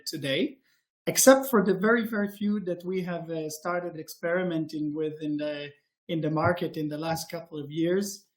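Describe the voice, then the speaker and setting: A man from Israel, a department head, explaining calmly over a video call with some hesitant pauses. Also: fairly high pitch, low-quality recording. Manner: measured, explanatory, hesitant fillers.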